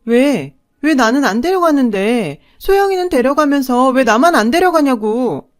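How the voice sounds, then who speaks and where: A woman's voice: a little high, big pitch swings, unhurried, no echo, studio quality. A woman voicing a hurt, defiant young daughter. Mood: upset, pleading. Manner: pleading, shouting back, tearful.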